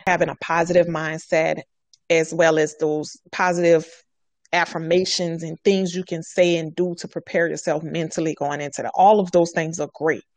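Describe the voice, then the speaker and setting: A woman with a slightly low voice speaks earnestly in casual podcast conversation. She hammers her points home by repeating them. The sound is dry and close. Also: flat delivery, moderate pace, a little mellow, dry recording.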